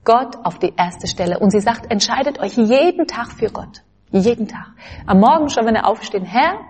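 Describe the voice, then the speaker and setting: A woman giving an earnest spiritual talk, quoting saints and scripture in a gentle way. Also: a little high, expressive, moderate pace, a little hiss or hum. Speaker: religious speaker.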